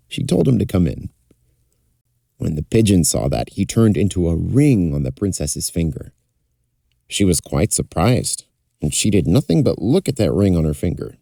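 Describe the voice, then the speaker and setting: A man's voice: low voice, big pitch swings, moderate pace, gravelly, mellow, no room sound, studio quality. A man telling a folktale in a fireside storytelling style, as narrator. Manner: acts out characters' dialogue.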